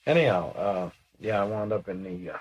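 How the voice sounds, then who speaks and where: Chuckling older man, husky and low. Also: animated, fairly quick. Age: 60s. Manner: self-deprecating, chuckling, stammering. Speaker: sitter asking questions. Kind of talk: channeling session, casual chat.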